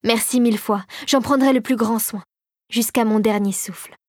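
A formal male regent of snow and ice, solemn and deeply grateful, as a woman reads him in a storybook. Slightly lower than her narration, dry and close. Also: fairly even intonation, normal speed, no room sound, close to an everyday voice. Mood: moved.

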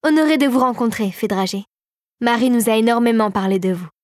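A woman's voice: a little high, expressive, fairly quick, darkish tone, no room sound, studio quality, close to an everyday voice. Woman reading an icy courtly lord, bowing, very polite, storybook voice. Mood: courteous. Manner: formal, courteous. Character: courtly male frost regent.

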